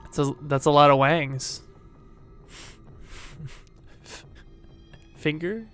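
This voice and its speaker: A man's voice: a little high, fairly even intonation, very slow, fairly bright tone, smooth. A man hosting a horror game playthrough in jumpy, self-mocking, swearing chatter. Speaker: gaming video host. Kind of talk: casual horror game let's play. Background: faint game music.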